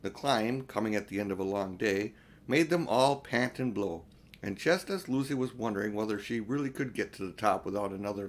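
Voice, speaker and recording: An older man with a lowish voice narrates a children's storybook as an audiobook, occasionally stumbling over a word.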